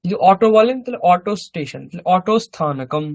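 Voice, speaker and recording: A male teacher with a Bengali accent, giving a slow vocabulary lesson and repeating each word carefully. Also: high-pitched, lively intonation. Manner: repeats each word slowly, explains pronunciation. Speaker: Sanskrit teacher. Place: language school classroom.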